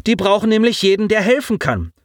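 A man voicing an anxious teenage boy stranded on a wrecked ship, talking in an earnest, hurried way. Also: sits high, big pitch swings, no echo, studio quality, pitched above the performer's own voice. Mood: defensive.

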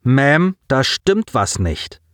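A man's voice: mid-range voice, very animated, slow, dry recording, clean studio sound, voice pushed up. A man voicing a dutiful male petty officer giving clipped reports on a starship bridge. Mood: worried.

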